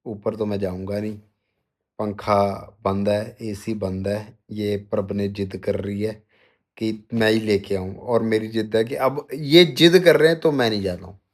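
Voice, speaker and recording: A man's voice: fairly low pitch, steady tone, a little slow. A man, vlogging a stubborn, teasing argument with his wife at home in the bedroom. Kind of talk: casual bickering at home.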